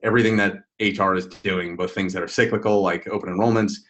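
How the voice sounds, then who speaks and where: Deep-voiced man explaining thoughtfully. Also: fairly even intonation, fast talker, a bit bright. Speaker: webinar co-host. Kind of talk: live webinar discussion.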